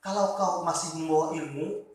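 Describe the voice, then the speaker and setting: A man voicing a stern mother who speaks slowly and firmly as she turns her son away. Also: fairly high pitch, close to an everyday voice. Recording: echoey hall, distant mic.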